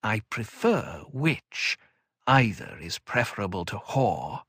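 A man voicing a calm, cutting older woman mentor in an audiobook, speaking in a measured, dry way. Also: fairly low pitch, breathy edge, dry recording, full character voice. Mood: cool.

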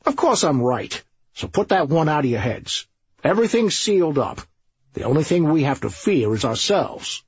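A man's voice: fairly high pitch, big pitch swings, breathy edge, no room sound, lo-fi sound, pitched above the performer's own voice, full character voice. A man voicing a scheming, bossy middle-aged police sergeant who waves off every worry. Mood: commanding. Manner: brisk, bossy, dismissive.

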